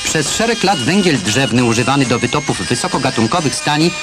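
A man narrating a 1970s newsreel voice-over, crisp and declamatory commentary read over footage. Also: medium pitch, lively intonation, fairly quick. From Poland. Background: loud film score music.

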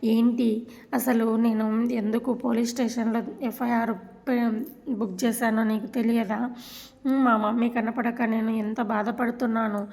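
An angry young granddaughter hurls accusations at her family, voiced by a woman narrator. Her voice sits fairly high and flat. She sounds like a character in a told serial story. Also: vocal fry. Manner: shouting accusations.

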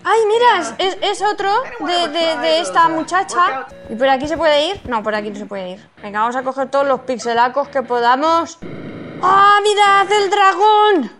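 A woman with a Spain Spanish accent giving excited, exclamatory commentary as she plays a video game. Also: very high voice, normal speed, crowd noise. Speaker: gaming streamer.

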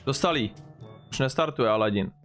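A man casually chatting and joking with friends while playing a video game, excitable and playful. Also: faint music behind. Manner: excitable, yelping up high when startled; playful jokey banter. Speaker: gaming YouTuber. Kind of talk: casual gaming chat with friends.

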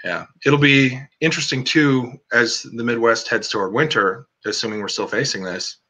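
A man speaks over a video call with a bright, forceful edge to his voice. He is a cinematographer chatting casually as a guest, filling his sentences with "like" and "um" as he rambles through his thoughts. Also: mid-range voice, normal speed. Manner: rambling, many "like" and "um" fillers.

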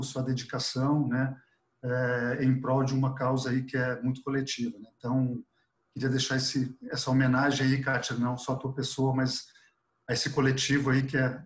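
A middle-aged man from Chile, a professor speaking unscripted and earnestly on a video call with a headset, dropping frequent fillers. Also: mid-range voice. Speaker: professor, webinar panelist. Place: office with artwork behind. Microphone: earphone headset on a video call. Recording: echoey room on a video call.

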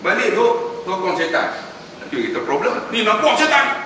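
A man's voice: high voice, moderate pace, a little hiss or hum. A man with a Malaysian Malay accent giving a religious lecture, telling stories and often addressing the audience directly. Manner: storytelling, animated, addresses audience as tuan-tuan. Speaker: preacher. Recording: echoey hall, distant mic.

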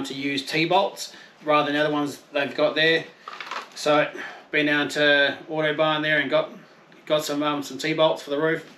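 With a fairly high, sharp voice and slight background noise, this Australian camping vlogger in his thirties casually unboxes and reviews gear. He's relaxed, talkative and self-deprecating with some mild swearing, filming on an outdoor patio and afterward in a garage.

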